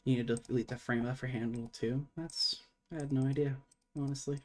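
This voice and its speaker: A man's voice: medium pitch, steady tone, fairly quick. A man streaming live while programming, thinking aloud in a casual, muttering way and swearing now and then.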